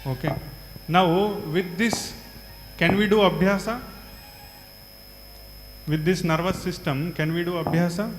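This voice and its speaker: In a large hall, a high-pitched man with a South Indian accent runs an interactive lecture for a big group, keeping a steady tone and measured pace with long pauses. He repeats answers and nudges students with brief questions. Soft music plays behind him, and the recording is echoey and reverberant with a faint hum.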